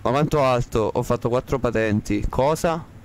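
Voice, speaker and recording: A man's voice: mid-range voice, moderate pace, slight background noise. A man live-streaming a game, chatting with viewers in a playful, joking, slangy way, repeating himself, speaking close to the microphone. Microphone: close to the mic.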